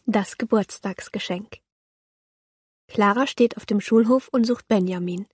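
A woman, reading a children's audiobook aloud in a calm, clear storytelling voice. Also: mid-range voice, unhurried, no echo, studio quality. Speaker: narrator.

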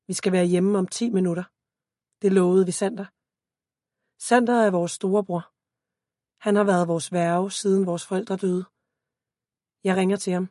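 A woman reading a first-person story aloud as an audiobook narrator, in a calm, steady voice. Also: lowish voice, long pauses, no room sound, studio quality.

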